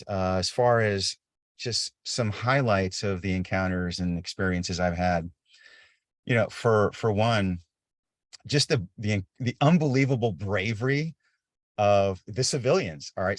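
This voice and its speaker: Middle-aged man, low voice, dry close sound, video call guest, earnest storytelling. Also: no room sound. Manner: earnest, repeats words when building a point. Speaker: interview guest, aid volunteer.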